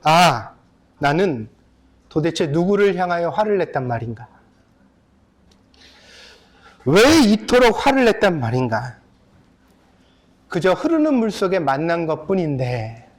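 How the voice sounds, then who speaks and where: A man voicing an ancient Chinese sage who scolds an oncoming boat and later muses on his own anger. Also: fairly high pitch. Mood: remorseful, musing. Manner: grumbling, scolding exclamations.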